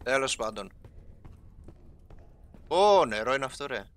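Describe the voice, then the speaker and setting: A young man giving casual, excitable let's-play commentary as a gaming YouTuber, talking straight to his viewers. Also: mid-range voice. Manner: excitable, talks to viewers, sprinkles English game terms.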